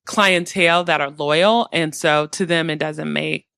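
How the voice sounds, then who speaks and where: A woman's voice: low voice, fairly even intonation, a little slow, creaky, fairly bright tone, smooth, no echo, studio quality. A woman co-hosting a podcast, chatting casually and filling her talk with "like" and "you know". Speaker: podcast co-host. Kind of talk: casual chat.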